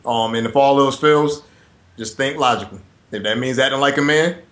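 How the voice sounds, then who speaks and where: A young man panelist in a casual group discussion, teasing the others and pausing with fillers. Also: medium pitch, fairly bright tone. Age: young adult. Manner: joking, teasing, hesitant fillers.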